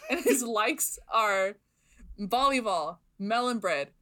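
Young woman, podcast host, casual chat, laughs a lot, gushing, bright tone. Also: fairly high pitch, lively intonation, slow.

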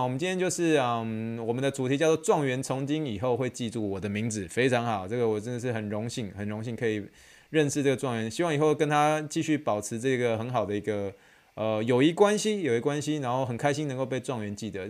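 A young man, a physical therapy intern hosting his podcast and telling a story in a lively, excitable way with many fillers. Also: mid-range voice, quick pace. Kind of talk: casual solo storytelling.

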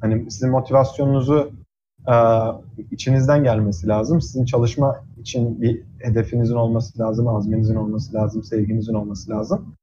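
A man's voice: medium pitch, level tone, a little fast, muffled recording, background noise. A man in his twenties, a guest in an interview, speaking earnestly and thoughtfully with frequent fillers. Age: 20s. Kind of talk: casual interview chat.

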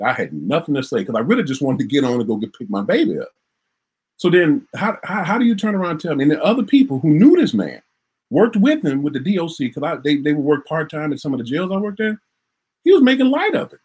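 A middle-aged man from Minnesota tells a personal story with real feeling. His voice is husky and sits a little high, and it rises and falls widely as he acts out the moments and repeats himself. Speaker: interviewee recounting a traffic stop.

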